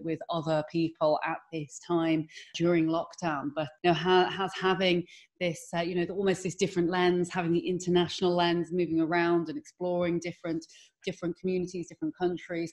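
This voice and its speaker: Woman, slightly low voice, podcast host, rambling questions, "you know" fillers. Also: a little mellow. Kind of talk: podcast interview.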